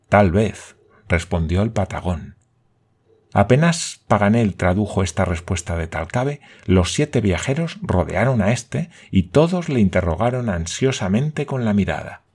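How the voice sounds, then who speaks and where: A man reading a novel aloud as a narrator, in a steady, measured way. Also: fairly low pitch, breathy edge. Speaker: audiobook narrator. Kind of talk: scripted narration.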